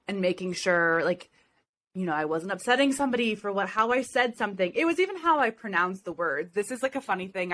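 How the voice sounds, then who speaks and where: A young woman from Ohio talks in a casual podcast chat. She is chatty and self-deprecating, laughing easily as she talks, with a voice of middling pitch. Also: fairly bright tone. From Ohio, USA. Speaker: podcast co-host and business owner.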